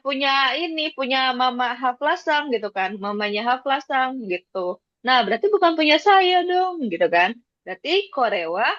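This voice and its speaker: In this classroom lesson, a woman with a fairly high, sharp voice patiently teaches Japanese, going over points again and making sure everyone keeps up. The sound is dull and lo-fi, completely dry with no echo.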